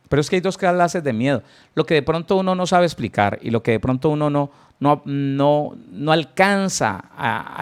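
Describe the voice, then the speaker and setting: A middle-aged man preaching a Bible teaching sermon, earnest, repeating key words and speaking straight to his listeners with rhetorical questions. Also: medium pitch. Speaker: pastor.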